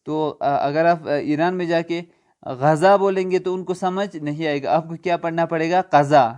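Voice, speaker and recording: A man teaching an online language lesson, asking quiz questions and answering them himself, slowly spelling out letters. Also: fairly high pitch, darkish tone, clear, resonant tone, muffled recording. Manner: slow spelled-out letter names.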